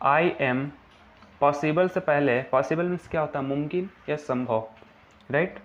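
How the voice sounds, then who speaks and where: A man with an Indian English accent teaching a beginner English lesson in Hindi, spelling words letter by letter and slowing down to dictate definitions. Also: a little high, a bit bright. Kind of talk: classroom lesson explaining grammar. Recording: dull lo-fi recording with faint room noise.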